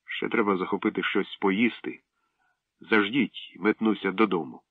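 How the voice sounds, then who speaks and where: A man's voice: on the low side, fairly even intonation, dry recording. A man voicing an eager, touchy young village boy in a storybook reading. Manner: earnest, quick to take offense. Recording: dry tinny phone-like sound.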